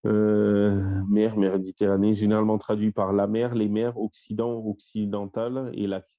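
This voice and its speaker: A man's voice: lowish voice, flat delivery. A man leading an online Bible study over a shared screen, listing word meanings one by one with plenty of fillers. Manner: lists word meanings in a slow, step-by-step way with fillers. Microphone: voice-call microphone. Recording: dull lo-fi voice-call audio.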